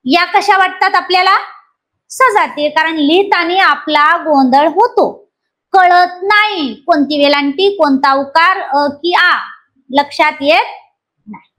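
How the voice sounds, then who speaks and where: A woman from Maharashtra with a teaches a grammar class for exam aspirants. Her voice sits very high. She keeps quizzing the students and repeats each rule until it sticks. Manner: lively, questions students and repeats key points.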